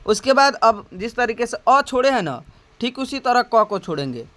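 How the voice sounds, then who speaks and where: Man, Hindi accent, high voice, teacher explaining syllables, drawn-out sounds. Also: big pitch swings, a bit bright. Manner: drawn-out spoken syllables, repeated rhetorical questions. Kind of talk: slow classroom explanation.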